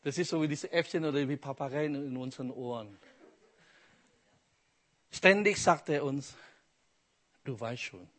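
A man's voice: on the high side, moderate pace, long pauses, fairly bright tone. A man preaching a sermon with emphasis, asking the congregation questions as he goes.

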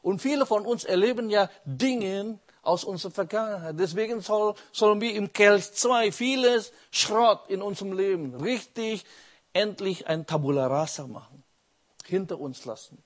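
A man's voice: high voice, moderate pace. A man preaching a sermon with emphasis, asking the congregation questions as he goes.

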